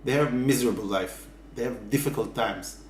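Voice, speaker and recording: A man giving earnest, halting interview answers full of fillers. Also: medium pitch, a little hiss or hum. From Israel. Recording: echoey room.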